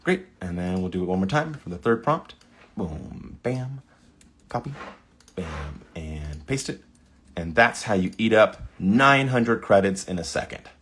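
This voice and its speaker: Low-voiced man reading prompts aloud. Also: sing-song, measured pace, fairly bright tone, a little hiss or hum. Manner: reads prompts aloud, stumbles over words, laughs. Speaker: video creator. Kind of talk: casual screen-recording commentary.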